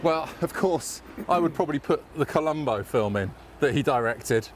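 A man with a London accent chats his way along a street walking tour. His voice is a touch high and swings up and down a lot. He rambles into self-mocking asides, with faint traffic noise around him outdoors. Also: expressive, normal speed. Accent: London English. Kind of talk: casual walking-tour chat.

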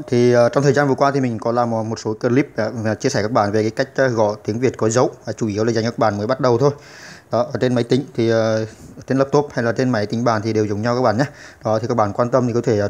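Fast-talking man teaching computer basics. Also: mid-range voice, fairly even intonation, darkish tone. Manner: hesitant, many filler sounds and restarts; patient, repeats instructions. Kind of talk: step-by-step computer tutorial.

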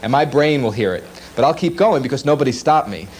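Very fast-talking man. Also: medium pitch. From Long Island, New York. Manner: extremely fast, animated storytelling. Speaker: guest, fast talker. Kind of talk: interview answers.

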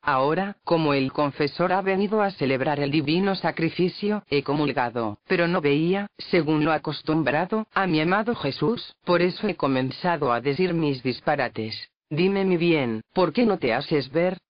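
A man reads a devotional text in a measured, reverent manner, announcing numbered entries and dates. His voice sits a little high. The recording is dull and lo-fi, with a close, dry sound and no echo. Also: animated. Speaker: reader. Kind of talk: devotional book reading.

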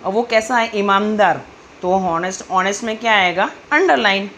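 A woman teacher explains grammar to children in a patient question-and-answer style, reading sentences slowly. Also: mid-range voice, fairly bright tone, slight background noise.

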